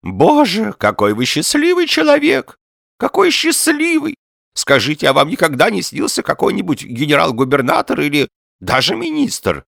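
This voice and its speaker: A man voicing a jittery whiskered old man who mumbles with a toothless lisp and frets in a shrill, wailing voice. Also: huge pitch swings, normal speed, gravelly, fairly bright tone, dry recording, studio quality, heavily acted. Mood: eager.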